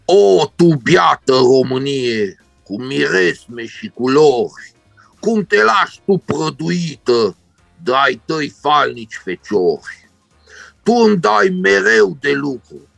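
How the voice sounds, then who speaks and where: A man's voice: on the high side, gravelly, a bit bright, no echo. A man doing comic impressions in a radio sketch, reciting mock-solemn poems as callers.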